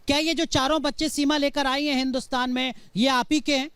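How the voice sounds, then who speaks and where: A man's voice: very high voice, little pitch movement, fairly quick, a bit bright, dry recording. A man anchoring a heated TV news debate, firmly cutting in to keep panelists to time.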